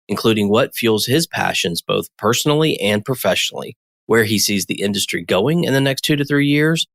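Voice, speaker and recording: A man's voice: on the low side, fairly bright tone, dry recording. American male podcast host, dry sound. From United States. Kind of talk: podcast interview.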